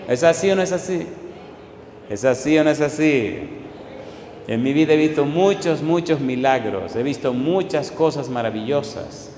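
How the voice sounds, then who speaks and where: A man's voice: fairly high pitch, animated, moderate pace, a little mellow. A male pastor preaching a sermon, emphatic, repeating questions back to the congregation. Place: church hall. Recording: echoey hall, faint room noise.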